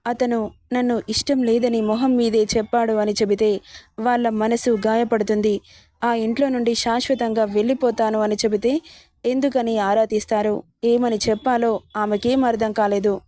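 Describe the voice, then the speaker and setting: A woman narrating an emotional family story with an expressive reading. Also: fairly high pitch, normal speed.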